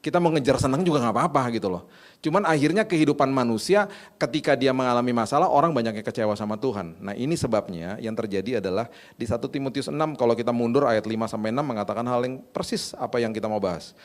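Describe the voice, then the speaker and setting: A man preaching a casual sermon, telling stories and acting out conversations in a relaxed, slangy way. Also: mid-range voice, quick pace. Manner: conversational, tells anecdotes, acts out dialogue; informal Jakarta slang. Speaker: pastor.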